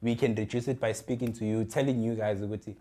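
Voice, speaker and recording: A man's voice: lowish voice, steady tone, quick pace, dark tone. A young man with a South African accent co-hosting a youth podcast, talking casually, repeating words and mixing English with Zulu. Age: young adult. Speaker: podcast co-host. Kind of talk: casual chat.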